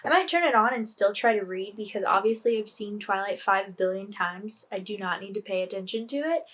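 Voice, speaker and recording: A woman's voice: mid-range voice, lively intonation, a little fast, fairly bright tone, a little hiss or hum, low-quality recording. A woman in a casual vlog chatting about what she is reading, rambling with lots of fillers. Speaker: book vlogger. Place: at home on a lunch break.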